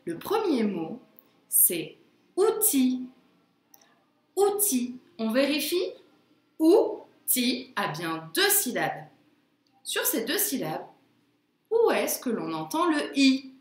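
A woman teaching a phonics lesson to young children, sounding out words slowly and carefully. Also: a little high, huge pitch swings, reverberant. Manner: slow, careful, drawn-out word pronunciation.

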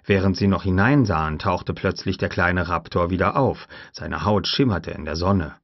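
Deep-voiced male audiobook narrator. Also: moderate pace, vocal fry, no echo, highs cut off. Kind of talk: scripted narration.

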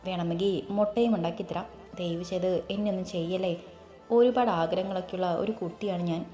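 A woman's voice: fairly low pitch, steady tone, quick pace, dark tone, close to an everyday voice. A woman voicing a comically frightened young heroine in a storybook reading, with pleading, rambling chatter. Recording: echoey room, faint music.

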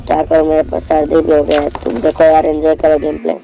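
Hoarse young man in jittery game commentary. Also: on the high side, completely flat delivery, fast talker, mellow, slight background noise, poor audio. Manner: jittery, repeats words in bursts, yelps when spotted. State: hoarse from a cold. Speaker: gaming channel host. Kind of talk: live horror gameplay commentary.

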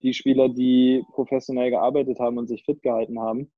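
A young handball player from the Kiel area of northern Germany chats casually as an interview guest on a video call through earbuds. His medium-pitched voice is level in tone and fast, and he hesitates with fillers and restarts while thinking aloud. The recording is dry and dull.

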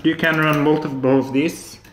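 A soft-spoken Norwegian hobbyist maker in his thirties, with a Norwegian accent, demos a hobby electronics build at home in a casual tech demo, hesitating often and using lots of filler sounds. His voice is a little high, with flat delivery and a moderate pace. The room, an indoor apartment living room and kitchen, is echoey, and there's slight background noise.

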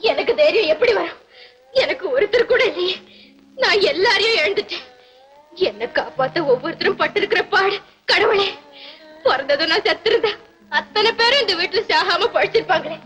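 A poor orphaned young woman, tearful and despairing, pleads in a very high, strained voice. She sobs through every line of this old film melodrama. Faint music runs under the soundtrack. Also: lively intonation, moderate pace, pauses often, fairly bright tone. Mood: grieving. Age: young adult. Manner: sobbing, despairing pleas. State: crying. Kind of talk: 1960s Tamil film melodrama.

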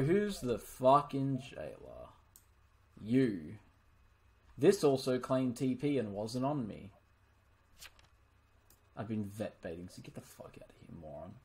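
A woman streaming an online game, swearing constantly and yelling in frustration at other players. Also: extremely low pitch. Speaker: gaming streamer. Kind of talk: live commentary while playing an online game.

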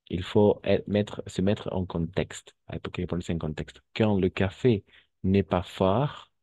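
Slow deep-voiced male French teacher. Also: dark tone, breathy edge, no room sound. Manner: patient, repeats words, switches to Spanish to explain. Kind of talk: online language class.

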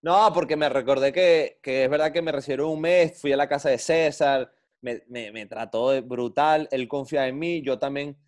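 A middle-aged man, a former footballer telling blunt, animated stories in an interview. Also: medium pitch, normal speed. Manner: blunt, animated storyteller with slang. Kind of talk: interview storytelling.

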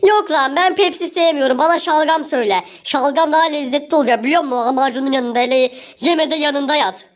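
A woman voicing a rude, suspicious gatekeeper in a Minecraft parody, blunt and quick to threaten. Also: high voice, natural voice. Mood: chatty.

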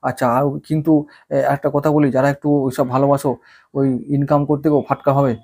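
A man's voice: medium pitch, little pitch movement, quick pace, darkish tone. A man giving a casual, folksy weekly horoscope talk as an astrologer, full of rhetorical questions.

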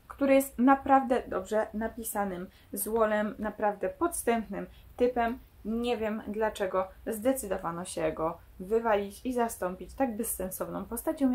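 A woman book vlogger who compares a novel with its screen adaptation in a chatty way. She often hesitates and restarts, and her voice sits at a medium pitch. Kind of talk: casual book-versus-film discussion.

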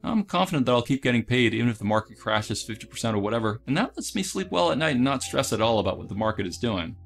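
Brisk, gravelly man explaining investing. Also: mid-range voice, sing-song, faint music behind. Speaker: dividend investing channel host. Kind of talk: scripted voice-over commentary.

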